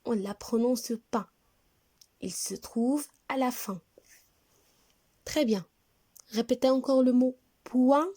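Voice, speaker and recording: Patient schoolteacher, woman, for a children's reading lesson: unhurried, warm mellow tone, clear diction. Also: a little high. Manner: slow, clear, patient, spells words letter by letter. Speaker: primary school teacher.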